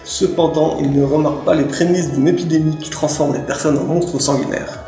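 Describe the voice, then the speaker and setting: As a library's manga specialist, a man gives a casual book review to camera, chatty and joking, often restarting his sentences. His voice is slightly high, steady, brisk, and warm, recorded in an echoey room with faint music.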